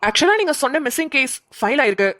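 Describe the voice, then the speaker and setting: A young police officer reports details briskly and in a businesslike manner, voiced by a woman. His voice is a little high. The sound is close and dry. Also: lively intonation, fairly bright tone, dry recording. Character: young male police colleague on a call. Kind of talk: cartoon voice acting.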